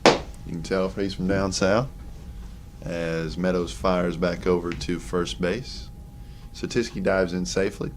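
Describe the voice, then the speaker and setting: A young man calling a college baseball game play by play, relaxed and chatty, with offhand asides between pitches. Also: unhurried, slight background noise. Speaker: play-by-play announcer. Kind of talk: sports commentary.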